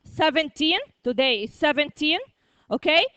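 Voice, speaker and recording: A woman teaching a primary school vocabulary lesson, repeating words slowly, drilling the class and checking with "okay?" after each point. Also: sits high, lively intonation, bright, forceful tone, no room sound, highs cut off.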